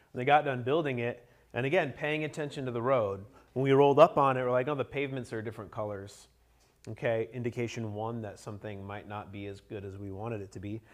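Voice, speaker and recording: Recorded by a camera across the room with no visible mic, a riding coach in his thirties teaches a classroom motorcycle cornering clinic to a group at conference tables. He is energetic and joking, gesturing at a whiteboard, and his pitch is medium.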